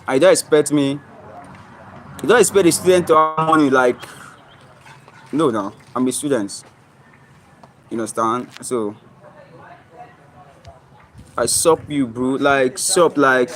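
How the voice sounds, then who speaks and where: Streaming from his phone outdoors close to home, a young Nigerian man with a Nigerian English accent flips the camera to show his surroundings. His medium-pitched voice is fairly bright with a little hiss or hum as he reads comments aloud, answers them and frequently checks "you understand?".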